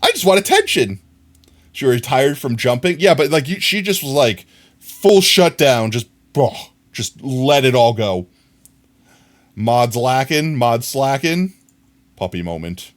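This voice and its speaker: A man streaming live, chatting to his viewers and riffing on funny clips in a relaxed, amused way. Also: medium pitch, unhurried. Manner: chatty, amused, talks to chat. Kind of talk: casual live-stream commentary.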